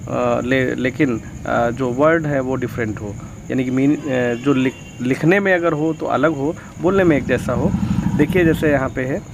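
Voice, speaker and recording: A male tutor explains grammar in a gravelly voice. He reads each example sentence slowly and fills his pauses with hesitant sounds. A faint hiss sits under the recording. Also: medium pitch. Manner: mixes Hindi and English, reads examples slowly, frequent fillers. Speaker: English teacher.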